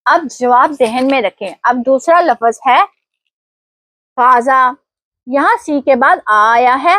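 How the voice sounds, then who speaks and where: A woman teacher giving an online language lesson, explaining pronunciation rules slowly and quizzing her viewers. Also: a little high, fairly bright tone, no room sound. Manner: slow, deliberate explanations with quiz prompts.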